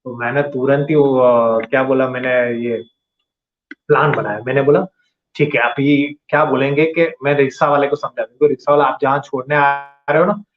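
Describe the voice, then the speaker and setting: A man telling a personal story in a conversational, animated way, acting out his own thoughts as he goes. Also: mid-range voice, normal speed, echoey room. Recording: dull lo-fi audio.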